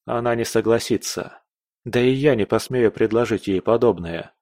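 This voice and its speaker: A man's voice: medium pitch, normal speed, a little mellow, no echo, studio quality, close to an everyday voice. A man voicing an earnest young nobleman in love who speaks firmly and stubbornly.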